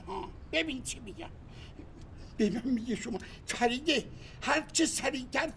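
A man's voice: very high-pitched, fairly bright tone, slight background noise. An actor playing an older man, a hotel guest who complains emphatically about his stubborn wife.

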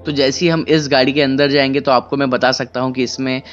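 Young male car vlogger, 20s, casual walkaround delivery mixing in English, clear voice on a slightly muffled camera mic. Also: medium pitch, little pitch movement, fairly bright tone, soft background music. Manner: casual, Hindi mixed with English, many "uh" pauses. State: tired but excited. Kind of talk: walkaround review vlog. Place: large indoor expo hall, walking through a bus.

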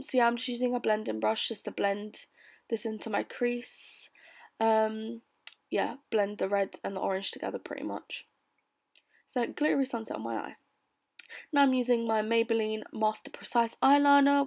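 A young adult British woman giving a casual makeup tutorial voice-over in a bored, low-energy way. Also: creaky, darkish tone. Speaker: beauty vlogger. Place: bedroom, voice-over recorded lying on bed.

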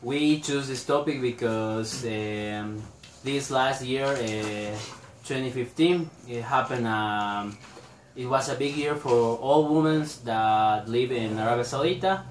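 A young man gives a class presentation in English, halting with many filler sounds and restarts, recorded on a laptop mic in a small room. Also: medium pitch, slight background noise. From Bolivia. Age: young adult. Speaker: student presenter. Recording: echoey room, a bit distant.

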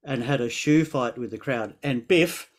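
A man's voice: mid-range voice, measured pace. A middle-aged man with an Australian accent hosting an interview over a video call, telling stories and backing the guest with frequent "yeah"s. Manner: friendly storytelling, frequent "yeah" backchannels. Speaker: interview host. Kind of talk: casual interview chat. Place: indoor room at home.

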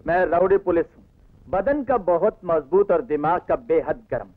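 An actor playing a brash, threatening police officer in a dubbed action film. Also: male voice, fairly high pitch, expressive, moderate pace, narrow, tinny audio. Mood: commanding.

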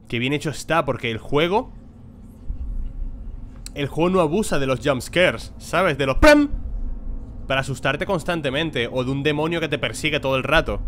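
A man's voice: mid-range voice, fairly bright tone, slight background noise. Man, let's play commentary, chatty, swears casually, talks to chat. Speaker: gaming YouTuber.

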